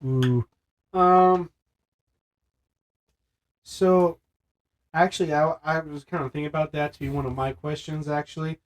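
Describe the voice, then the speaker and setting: A man co-hosting a casual podcast chat, retelling film scenes in an animated way and using "like" often. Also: fairly high pitch, unhurried, pauses often, poor audio. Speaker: podcast co-host.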